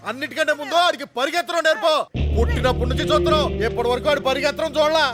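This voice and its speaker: A man's voice: very high voice, very fast, loud music behind the voice. An actor playing a boastful comic man who bosses his friends, speaking with a Telugu accent. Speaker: comic film character. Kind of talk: Telugu film comedy acting.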